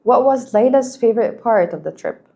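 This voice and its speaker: A woman whose first language is Arabic teaching an English lesson, speaking slowly and clearly and praising her students. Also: on the high side, animated, mellow. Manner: patient, encouraging, slow and clear, explains in Arabic too.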